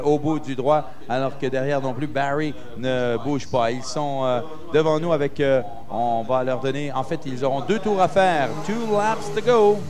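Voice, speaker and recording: A man giving live motorsport commentary, hesitating with frequent filler sounds between phrases. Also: medium pitch.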